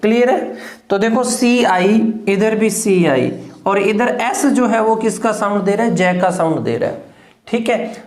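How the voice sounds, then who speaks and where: Slow hindi-accented woman teaching english sounds, repeats every word, roomy echo. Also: medium pitch, a little mellow. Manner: slow, repeats each word several times. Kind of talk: phonetics lesson.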